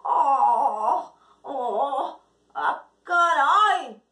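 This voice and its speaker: A woman voicing an excitable, kindly male farmer who talks to his animals in slow, drawn-out exclamations. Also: fairly high pitch, echoey room, distant mic. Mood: amazed.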